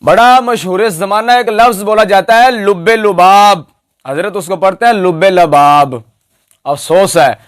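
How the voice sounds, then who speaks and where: A man's voice: high voice, fairly bright tone, smooth, no echo, studio quality. A man giving an emphatic, mocking religious speech that picks apart another scholar's pronunciation. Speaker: Islamic preacher.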